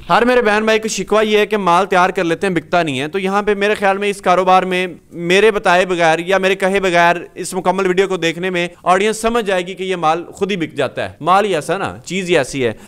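A man from Pakistan with a fairly high, smooth, clear voice hosts an interview inside a small workshop. He talks into a handheld mic and explains each machine in turn, laying out costs and profits. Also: steady tone, a little fast, few pauses, a bit bright. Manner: explanatory, walks through machines. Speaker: host. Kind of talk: business interview and walkthrough.

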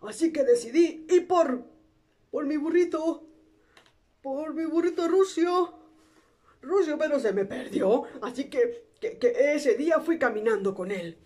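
A woman storyteller telling a children's tale in a lively, sing-song, theatrical way with playful whispers. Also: high voice, a little slow.

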